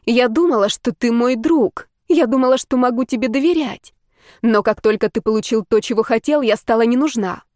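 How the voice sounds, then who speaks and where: A furious, betrayed young heroine, as a woman narrator acts her out in an audiobook. She talks in a raised, heated voice, pitched above the narration. The recording is dry and close. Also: a little fast, a little mellow, dry recording, close to an everyday voice. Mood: angry.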